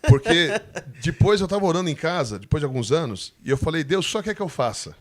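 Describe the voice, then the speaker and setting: A Brazilian man with a Brazilian Portuguese accent telling a lively missionary testimony, laughing as he tells it and acting out the people in the story. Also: a little high, fast. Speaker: missionary guest speaker.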